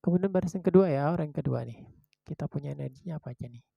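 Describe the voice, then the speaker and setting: A tarot reader chatting casually to viewers, calling out cards one by one in a slow, relaxed way, indoors at home. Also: medium pitch, vocal fry, slightly rough, no room sound, highs cut off. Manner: chatty, slow card-by-card announcing; drops into soft whispers for short prayers. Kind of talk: casual tarot reading video.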